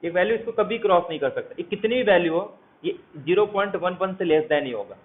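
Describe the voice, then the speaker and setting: A man's voice: high voice, animated, fast. A man teaching a math lecture, walking through each step and asking his students questions as he goes. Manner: walks through steps, asks students questions. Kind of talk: explanatory lecture. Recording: tinny phone-like audio, faint hiss.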